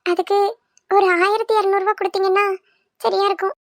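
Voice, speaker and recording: A woman doing a crafty young wife in a cartoon, wheedling and pleading in a very high, sugary voice. She talks. The sound is close and dry, with no room. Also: little pitch movement, fast, no room sound. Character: cunning young wife, sweet-talking schemer. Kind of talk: cartoon voice acting.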